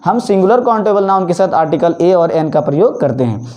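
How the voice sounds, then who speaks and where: A man teaching an English grammar lesson, repeating each example word slowly and asking questions that he then answers himself. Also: sits high, animated, darkish tone, dull audio. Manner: asks the class questions and answers them himself. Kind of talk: classroom-style grammar lesson.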